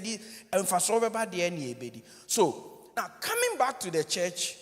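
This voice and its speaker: Ghanaian preacher guy, high voice, lively jokey talk to a crowd, big echoey hall. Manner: animated, joking, code-switching, addresses audience directly. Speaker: church minister. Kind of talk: conference talk mixing English and Twi. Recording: long reverb of a large hall.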